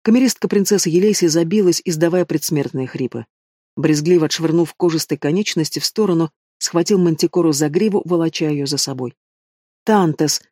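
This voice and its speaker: A man narrating a fantasy novel in the first person, steady and dramatic. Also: on the high side, brisk, no room sound, clean studio sound. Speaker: audiobook narrator.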